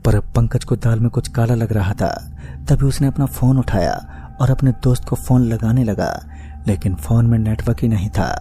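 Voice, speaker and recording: Dark, mellow-voiced man narrating horror. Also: medium pitch, moderate pace, slight background noise. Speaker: storyteller. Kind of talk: scripted horror story narration. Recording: faint music bed under the voice. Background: faint background music.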